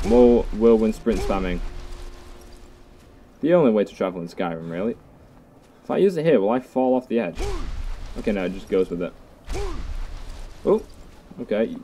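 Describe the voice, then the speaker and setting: A man's voice: lowish voice, a little hiss or hum. A young man giving casual, jokey commentary while playing a game, often talking to enemies. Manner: jokey, excitable, talks to enemies. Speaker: gameplay commentator. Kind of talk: casual let's play commentary.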